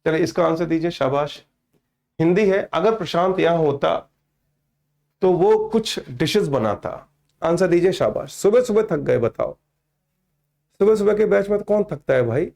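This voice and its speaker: A man in his fifties talks with his students in a live online class, teasing them and calling them "beta". His voice sits a bit high and has a gravelly, creaky edge. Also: lively intonation, normal speed, long pauses, darkish tone. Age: 50s. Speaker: teacher.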